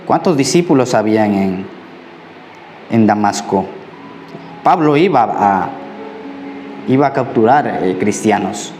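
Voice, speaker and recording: A man's voice: lowish voice, expressive, takes it slowly, long pauses, a little mellow, soft background music. A man preaching a conversational sermon as a pastor, often checking in with the congregation. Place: church. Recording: echoey church hall, faint ambience.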